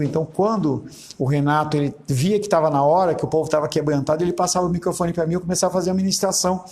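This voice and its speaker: A man's voice: on the high side, a little mellow. A middle-aged man from Brazil, a pastor, preaching a sermon in a conversational way, acting out dialogue and often checking in with his listeners. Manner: conversational preaching, acts out quoted dialogue, frequent "entendeu?".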